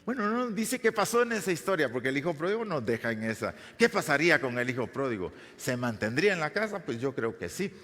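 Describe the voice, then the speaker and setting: Animated preacher in an echoing church. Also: male voice, a little high, fast, few pauses. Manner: retells scripture, briefly voicing the figures; addresses the congregation as brothers, asks questions. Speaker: pastor. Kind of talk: sermon. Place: church hall. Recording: long echoing church hall reverb.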